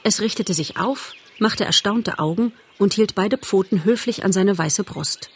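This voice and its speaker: A woman's voice: mid-range voice, husky. Woman narrating a storybook. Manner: measured, even storytelling. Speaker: audiobook narrator. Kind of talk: scripted narration of a classic novel.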